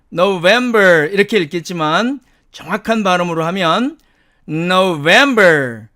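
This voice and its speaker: A man with a Korean accent, lecturing on English pronunciation and repeating each example word slowly. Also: high-pitched, bright, forceful tone. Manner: explains step by step, repeats example words in English. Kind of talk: recorded lecture.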